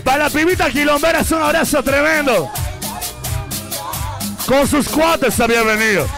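A man working as a party MC and DJ, brashly taunting and hyping a live dance crowd with shouted calls. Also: extremely high pitch, moderate pace. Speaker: party MC and DJ host. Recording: live PA over loud music. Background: loud party music.

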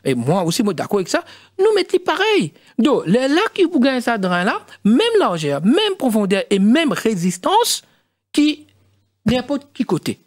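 A middle-aged man with a Mauritian accent, a studio guest explaining in halting speech with many fillers and restarts. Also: very high voice, huge pitch swings, no echo. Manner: halting, mixes French and Creole, many fillers. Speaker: studio guest, former district council president.

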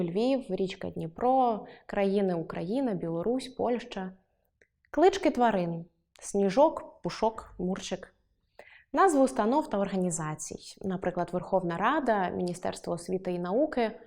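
Woman, online teacher, higher-pitched, clear and lively, studio-recorded lesson. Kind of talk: online lesson, scripted explanation. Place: film studio.

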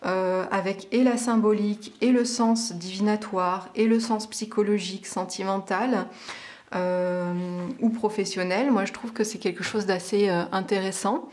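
A woman's voice: medium pitch, fairly even intonation, unhurried, darkish tone. A woman who reads tarot, giving a casual on-camera product review, chatty and hesitant with many filler sounds. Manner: reads passages aloud from a booklet. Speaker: tarot reader and teacher.

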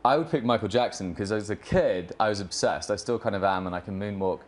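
A man's voice: fairly low pitch, quick pace. Joking young British man as a guest. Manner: self-deprecating, joking, laughs easily. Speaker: actor guest. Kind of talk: TV interview.

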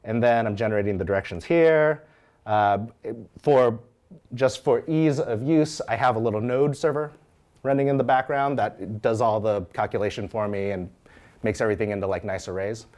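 A man's voice: fairly low pitch, moderate pace, a little mellow. Man giving a casual live coding talk. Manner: conversational, frequent "right?" checks and restarts. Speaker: conference speaker. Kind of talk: live technical talk walking through code. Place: meetup room with audience.

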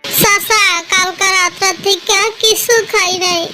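A woman's voice: very high-pitched, fairly even intonation, measured pace, bright, forceful tone, full character voice. A woman voicing a hungry, pleading little orphan village boy in a cartoon, childlike and plaintive. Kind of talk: cartoon voice acting. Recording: music behind the voice.

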